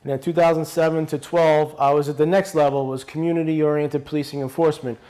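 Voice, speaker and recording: He talks fast, his fairly high voice level and dark in tone. A retired cop from Brooklyn, New York, he's a podcast guest in a casual interview, spinning stories in a blunt, loose way and frequently starting over.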